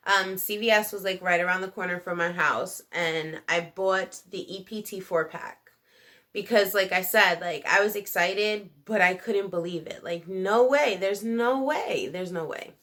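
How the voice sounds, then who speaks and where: Female vlogger, thirties, bright forward voice, chatty slangy storytime delivery aimed straight at the audience. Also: medium pitch, measured pace. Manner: chatty and animated, slangy, addressing viewers directly. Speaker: video channel host. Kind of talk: casual first-person storytime vlog.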